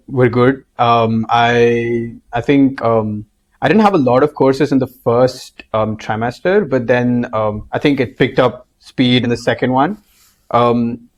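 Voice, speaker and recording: A man's voice: medium pitch, darkish tone. A young man from India, a master's student guest, speaking casually with many hesitations. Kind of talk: casual interview chat.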